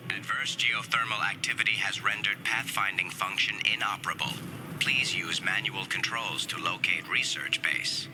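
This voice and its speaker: Low robotic vehicle computer booting up. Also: male voice, normal speed, over loud music, low-quality recording. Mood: announcing. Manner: flat, clipped status announcements. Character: male vehicle computer voice, calm and mechanical. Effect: synthetic onboard computer voice starting up. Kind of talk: game system announcements.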